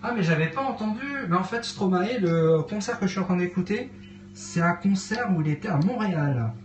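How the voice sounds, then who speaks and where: A man with a high, expressive voice talks briskly over a slight hiss or hum. He's hosting a casual cooking livestream from his cluttered home kitchen, pausing often with fillers as he chats with viewers, and the room sounds echoey.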